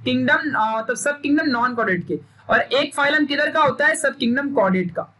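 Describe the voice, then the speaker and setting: Young man, teacher, bright tense voice, stern, repeats points, scolds. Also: extremely high pitch, lively intonation, brisk. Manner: emphatic, drills and repeats points; stern, scolding pep talk. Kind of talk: recorded online science lesson.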